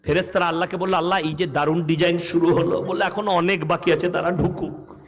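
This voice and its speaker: A man's voice: high-pitched, fairly even intonation, fairly quick. A man preaching a humorous sermon, telling stories, acting out the villagers he quotes, and firing questions at his audience. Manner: fires rhetorical questions at the audience. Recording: long hall reverb.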